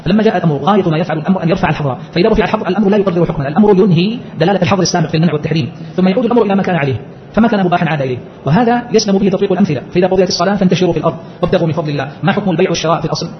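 A man with a high voice races through a lesson on a scholarly text, dropping rhetorical questions as he explains. The lecture comes through in a muffled, lo-fi recording.

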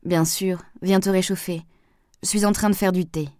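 A woman voicing a calm, soft-spoken man in an audiobook, speaking gently and with measured words. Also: on the low side, slight background noise, lightly acted. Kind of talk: audiobook dialogue reading.

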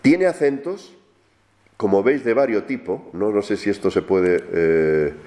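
A man from lectures to a room of students, his voice sitting on the low side. He explains things patiently and keeps checking in with his listeners through questioning tags. The recording carries the noticeable echo of a lecture room. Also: a little slow, mellow. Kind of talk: classroom lecture.

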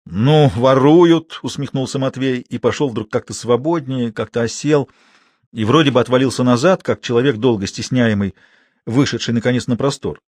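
A man reading a literary story aloud as narrator, measured and expressive. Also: medium pitch, no echo, studio quality.

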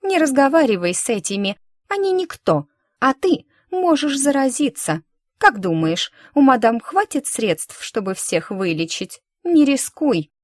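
Snobby young girl, woman voicing her, high sharp sneering voice. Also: big pitch swings, measured pace, dry recording, clean studio sound. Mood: disdainful.

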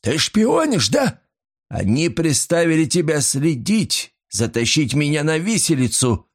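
A man voicing a rich, fearful old father who swings between frantic pleading and weary quiet. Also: mid-range voice, lively intonation, slow pace, gravelly, breathy edge, pitched above the performer's own voice, full character voice. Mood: panicked. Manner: outbursts of panic and pleading.

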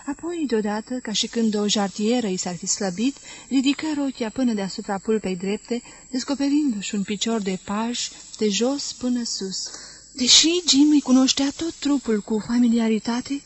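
A woman reading a literary novel aloud as an audiobook narrator, in a measured, steady storytelling manner. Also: a little high, breathy edge, low-quality recording. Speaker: audiobook reader.

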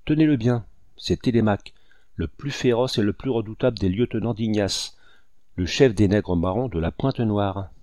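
A man's voice: fairly low pitch, moderate pace, mellow, no echo, studio quality, close to an everyday voice. A man reading an audiobook, voicing a fierce old hunter who gives harsh, threatening commands. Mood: triumphant accusing. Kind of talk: audiobook character voice.

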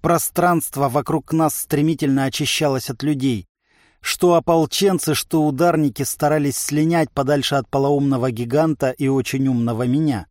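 Чтец-мужчина ведёт рассказ от первого лица с лёгкой насмешкой. Голос чуть выше среднего, запись сухая и студийная. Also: male voice, on the high side, normal speed, no echo, studio quality. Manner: lively, ironic first-person telling. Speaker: audiobook narrator. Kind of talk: scripted audiobook narration.

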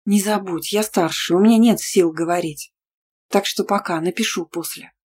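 A woman voicing a stubborn older sister who is ill, speaking hoarsely, weak but insistent. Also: lowish voice, moderate pace, darkish tone.

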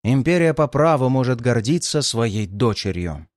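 A man narrating a dark fantasy audiobook in a measured, dramatic reading. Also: medium pitch, very animated, no echo, clean studio sound.

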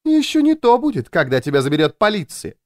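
A man doing a high, jittery, plaintive woman. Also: huge pitch swings, fast, darkish tone, dry recording, studio quality. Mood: indignant. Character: frazzled, jumpy woman who feels hunted.

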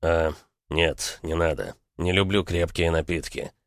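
A man voicing a wary, brooding Iranian prince who speaks with a slight foreign accent, low and quiet. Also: measured pace, no room sound, clean studio sound. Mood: subdued.

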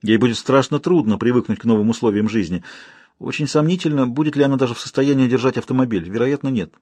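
A man narrates a literary novel in a measured, expressive way. His voice is husky, at an average pitch for a man. The recording is dry and close, with no room sound. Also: no room sound. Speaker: audiobook narrator.

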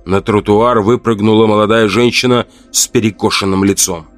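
A man reading a horror audiobook in a measured, dramatic narration. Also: fairly low pitch, steady tone, dry recording, faint music behind.

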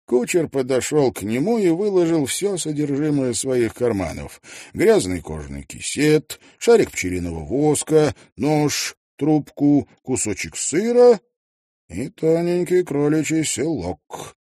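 Husky male audiobook narrator. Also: on the high side, very animated, measured pace, warm tone, dry recording, clean studio sound. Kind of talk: scripted narration.

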